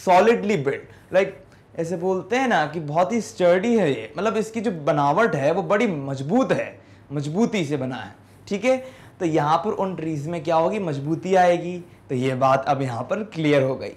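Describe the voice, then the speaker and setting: A man's voice: a little high, lively intonation, moderate pace. A man teaching an English class, explaining step by step and often checking in with students. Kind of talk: classroom lesson in Hindi with English words.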